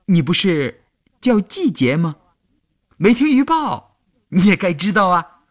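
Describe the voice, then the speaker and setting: A man's voice: high voice, very animated, a little slow, voice pushed up, full character voice. A man doing a youthful teenage boy soldier. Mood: teasing. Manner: raised youthful voice. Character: teenage boy soldier, teasing then flustered.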